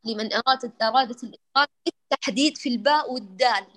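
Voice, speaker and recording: Woman recitation teacher, kinda high voice, explains slow and patient, keeps demoing sounds. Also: a bit bright. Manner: explanatory, demonstrates letter sounds repeatedly; affectionate, addresses students as dears. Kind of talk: online class, tajweed correction lesson.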